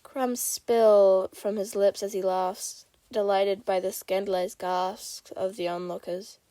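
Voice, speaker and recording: A woman reads a story aloud for her listeners and then chats loosely, dotting her talk with fillers. Her voice sits at an ordinary middle pitch. The recording is dry and close, with no room sound. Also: little pitch movement, takes it slowly, warm tone, dry recording. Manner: casual, lots of "like" and "um" in chat. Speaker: fan fiction reader. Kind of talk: reading a story aloud, then casual chat.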